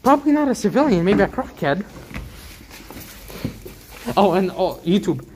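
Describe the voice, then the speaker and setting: Walking through a large derelict factory with a handheld camera, a young male vlogger chats casually and describes his surroundings. He has a high, very animated, mellow voice and talks at a normal speed over slight background noise.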